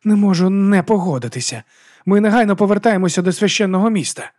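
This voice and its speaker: A man's voice: fast talker, darkish tone, no echo, studio quality, close to an everyday voice. A man voicing an exasperated, panicky monk who protests shrilly. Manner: shrill and indignant.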